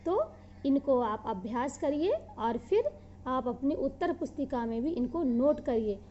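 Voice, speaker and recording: A woman teacher giving a grammar lesson, reciting word forms slowly and having the class repeat after her. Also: sits high, animated, warm tone, highs cut off, slight background noise. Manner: measured, drawn-out chanting of word forms.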